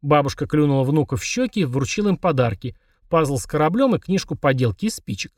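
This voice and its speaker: Guy reading a kids fantasy audiobook, very lively voice, dry close mic. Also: on the high side, fast talker, no room sound. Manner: expressive, wry storytelling. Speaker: audiobook reader. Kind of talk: scripted narration of a children's fantasy book.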